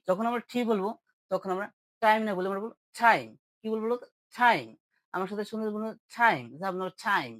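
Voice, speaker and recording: A man's voice: high voice, dry recording, rough recording. A man, teaching English pronunciation in an online lesson and drilling words for viewers to repeat after him.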